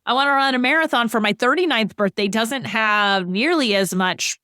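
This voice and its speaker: A woman's voice: fairly high pitch, moderate pace, bright, forceful tone, no echo, studio quality. A middle-aged woman on a financial podcast, explaining goal-setting with everyday examples in a conversational way.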